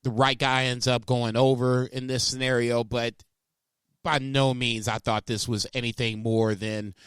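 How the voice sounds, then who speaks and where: A man's voice: medium pitch, fairly bright tone, clean tone, dry recording. A man co-hosting a podcast, giving rambling, laid-back opinions in casual chat. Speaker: podcast co-host.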